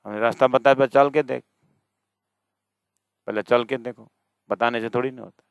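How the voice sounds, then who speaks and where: A man's voice: mid-range voice, fairly even intonation, clean tone, dry recording, muffled recording. A man teaching a scripture class, explaining verses one by one and arguing with imagined students. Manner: slow, drawn-out reading of verses. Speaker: spiritual teacher.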